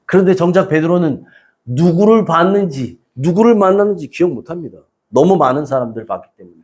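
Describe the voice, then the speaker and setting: A man's voice: on the high side, darkish tone. A man pastor preaching a Sunday sermon, emphatic, prodding the congregation with rhetorical questions.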